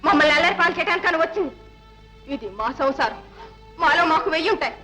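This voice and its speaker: A woman's voice: very high-pitched, lively intonation, quick pace, bright, forceful tone, faint music behind, heavily acted. A woman playing a meek, pleading young wife in an old film. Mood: firm. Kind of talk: 1960s film acting.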